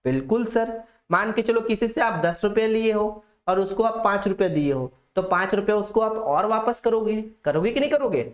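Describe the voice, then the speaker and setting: A man's voice: sits high, animated, normal speed. A young man teaching a classroom accounts lecture in Hindi, asking the students questions aloud and answering them himself. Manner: coaxing, talks straight to the students.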